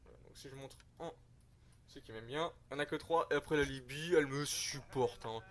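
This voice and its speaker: A man's voice: medium pitch, brisk, fairly bright tone. A young man giving rambling, slangy, self-mocking commentary over a strategy game he is playing. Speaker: gaming youtuber. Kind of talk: casual gameplay commentary.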